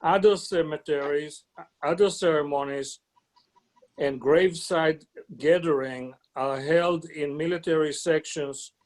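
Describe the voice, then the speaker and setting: Guy, slow solemn memorial talk, slightly high voice. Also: poor audio. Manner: slow and solemn, measured phrases. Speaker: speaker.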